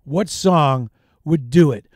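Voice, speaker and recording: A man's voice: on the high side, slow pace, no echo. A man hosting a live radio show, chatty and reflective, speaking into a studio microphone. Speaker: radio DJ host.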